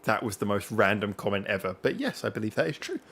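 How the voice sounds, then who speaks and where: A man's voice: lowish voice, sing-song, fairly quick, gravelly, a bit bright, breathy edge. A young man hosting a casual live stream chat from his home computer. He talks in a rambling, chatty way and laughs often.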